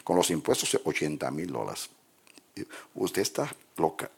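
A man's voice: very animated, measured pace, creaky, slightly rough. Older man pastor telling a story. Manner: soft, low-key storytelling voice. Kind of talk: sermon with storytelling. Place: church.

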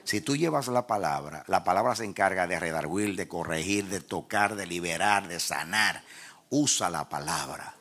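A man preaching puts on the voice of God as a solemn, fatherly figure, slow and grave. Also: deep voice, a bit bright, voice pushed down.

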